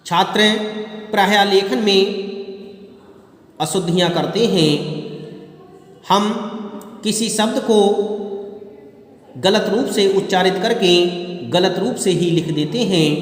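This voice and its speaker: A man teaching a grammar lesson to students, slow and deliberate, repeating each word for emphasis. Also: high voice. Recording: echoey room with long reverb.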